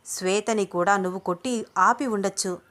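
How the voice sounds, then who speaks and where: A woman's voice: medium pitch, moderate pace, a bit bright, lightly acted. A woman voicing a blunt young man who advises his friend in a told story. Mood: advising.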